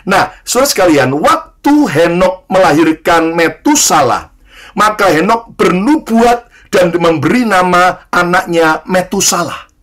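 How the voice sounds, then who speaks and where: A man preaches in a notably high voice. He has the congregation repeat his lines back to him and drops in light jokes, calling his listeners brothers and sisters. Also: fairly bright tone. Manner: leads the congregation in call-and-response repetition. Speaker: pastor. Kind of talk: sermon.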